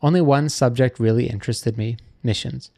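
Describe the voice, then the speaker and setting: Gravelly man reading a memoir aloud. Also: mid-range voice, mellow, dry recording, studio quality. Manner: earnest, measured storytelling. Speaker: reader of a missionary memoir.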